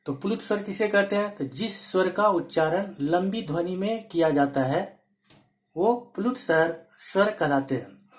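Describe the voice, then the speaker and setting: A male grammar teacher talks in an unhurried, measured classroom manner. He names each letter separately before giving an example. His voice rings in a roomy, echoing space. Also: sits high, expressive. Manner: slow, deliberate, naming letters one by one with examples. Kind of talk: classroom-style grammar lesson. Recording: echoey room.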